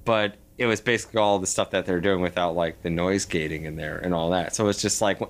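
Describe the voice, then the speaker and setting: A man's voice: low-pitched, fairly even intonation, fast talker. A man in his thirties telling a story in casual chat, rambling and full of "like" fillers. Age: 30s. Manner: rambling, heavy use of "like" fillers.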